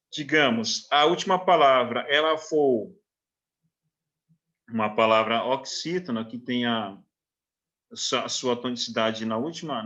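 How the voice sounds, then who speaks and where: Bright Brazilian man explaining step by step. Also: mid-range voice, lo-fi sound. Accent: Brazilian Portuguese. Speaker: literature teacher. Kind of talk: recorded online lecture.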